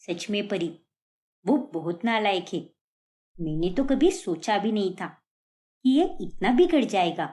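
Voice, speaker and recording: A woman's voice: medium pitch, very animated, a little slow, pauses often, a little mellow. A woman voicing an indignant young daughter in a cartoon, pleading and accusing. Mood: upset. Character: young daughter, upset, accuses her brother. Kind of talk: cartoon voice acting.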